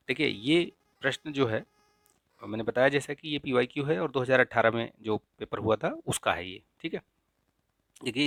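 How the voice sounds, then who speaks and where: A man teaching an exam-prep lesson in a casual, explanatory way, often checking in with "ठीक है?" and slowly repeating correct spellings. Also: medium pitch, fairly bright tone, dry recording. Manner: frequent checks of "ठीक है?" and filler "अ"; repeats the right spellings slowly to stress them. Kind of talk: casual explanatory lesson, walking through a paper.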